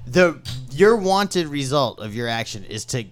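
Guy narrating a tabletop game, super expressive pitch, vivid and swears a lot. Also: unhurried, soft background music. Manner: vivid, profane storytelling.

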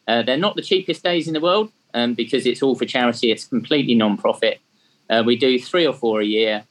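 An Englishman in his fifties, a charity track day organiser, chats casually as an interview guest in a medium-pitched voice, self-deprecating and full of ums. His English accent carries a slight Australian tinge, and the audio is poor.

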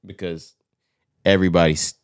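Crude, joking frat-bro man, slightly low voice. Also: little pitch movement, moderate pace, no echo, studio quality. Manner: slangy, profane. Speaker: podcast co-host. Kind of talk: casual sports banter.

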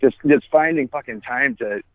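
Here the guest is an app founder, a man in his forties on the phone as he walks his dog. The recording is dry and the line tinny, and his medium-pitched voice keeps a moderate pace. He speaks loosely, swearing a lot and frequently starting sentences over.

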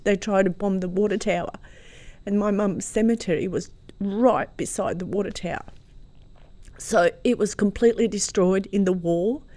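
A middle-aged woman with an Australian accent, a guest telling a personal story in an animated, warm way. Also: medium pitch, no echo.

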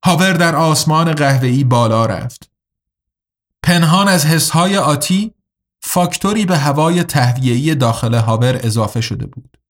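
A man reading a science fiction story aloud as a steady, measured narrator. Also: fairly high pitch. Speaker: audiobook narrator. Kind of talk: scripted narration of a sci-fi story.

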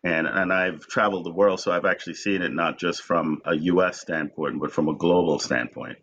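A man's voice: low-pitched, moderate pace, creaky, fairly bright tone, a little hiss or hum. A man in his forties from Jamaica, speaking as a guest in a conversational interview, reflective and often repeating words as he starts a thought. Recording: dull lo-fi sound.

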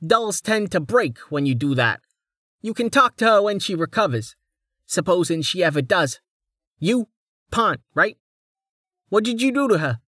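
A man's voice: sits high, very animated, measured pace, long pauses, fairly bright tone, no room sound, clean studio sound, pitched above the performer's own voice, full character voice. A man voicing a reedy-voiced noble lord who speaks in a cool, dismissive way in an audiobook. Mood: condescending.

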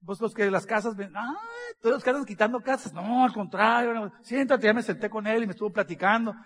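High-voiced man telling funny stories. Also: fairly quick. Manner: animated, acts out dialogue, laughs along. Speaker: business speaker. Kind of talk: humorous storytelling to an audience.

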